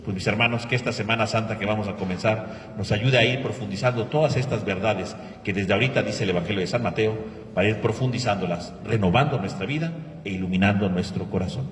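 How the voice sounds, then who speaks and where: Echoing low-voiced priest in a church. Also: male voice, fast talker. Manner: rhetorical questions to the congregation. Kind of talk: homily and liturgical prayer at Mass. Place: large reverberant church. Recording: echoey church, long reverb, distant microphone.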